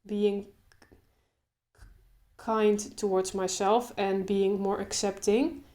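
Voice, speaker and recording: Speaking to camera in a casual way, a young video creator with a mid-range voice stutters openly at first, with repeated sounds and pauses. She then eases into a slow, relaxed delivery.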